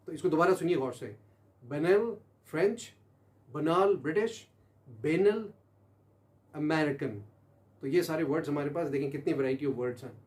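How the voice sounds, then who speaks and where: A man gives a pronunciation lesson, spelling words out slowly and repeating them for the listener. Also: a little high, dark tone. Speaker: teacher.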